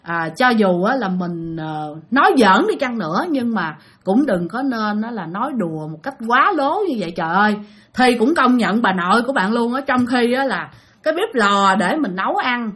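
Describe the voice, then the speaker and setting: A woman's voice: a little high, fairly bright tone, breathy edge. A woman, telling listener-sent ghost stories in a chatty way, often turning to address her audience. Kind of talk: casual spoken storytelling.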